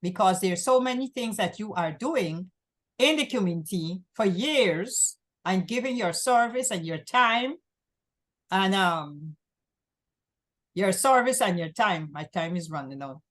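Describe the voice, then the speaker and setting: Guyanese lady hosting a local access show, kinda rambly, says stuff twice, medium pitch. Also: expressive, unhurried. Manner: rambling, repeats herself. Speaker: host. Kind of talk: community access TV talk show.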